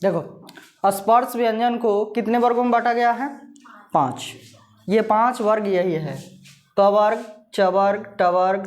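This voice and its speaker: A woman teaches a grammar lesson at a very slow, deliberate pace. Her voice sits a little high, and she keeps asking questions and answering them herself.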